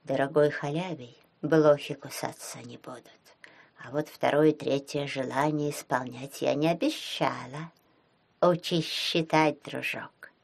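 A woman voicing a lazy, bossy magical female pike with a slow, condescending drawl. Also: low voice, steady tone, gravelly, darkish tone, pitched below the performer's own voice, heavily acted.

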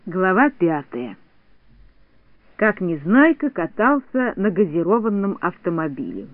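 High, lively male storybook narrator. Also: unhurried, no room sound. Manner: expressive, animated reading. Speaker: audiobook narrator. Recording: tinny phone-like dry sound.

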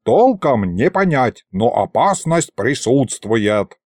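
A man voicing a self-important male ghost sorcerer who grumbles and explains gravely. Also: mid-range voice, very animated, slow pace, a little mellow, dry recording, clean studio sound. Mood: explaining.

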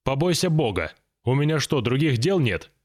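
A man's voice: medium pitch, big pitch swings, moderate pace, a little mellow, husky, pitched above the performer's own voice. A man voicing a polite, anxious younger employee who is easily flustered in an audiobook reading. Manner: polite, anxious, taken aback.

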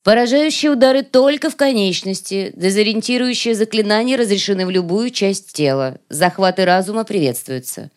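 An imperious dark elf matriarch, as read by a man speaks in a raised, cooler voice that sounds different from his usual tone. She is calm, icy and used to obedience. This is a storybook reading. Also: high-pitched, fairly quick, hardly any pauses, voice pushed up, close to an everyday voice. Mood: cold commanding. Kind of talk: audiobook character voicing.

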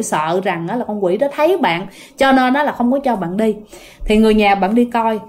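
A woman telling a ghost story casually, talking directly to her listeners. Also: a little high. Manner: animated, addresses listeners directly.

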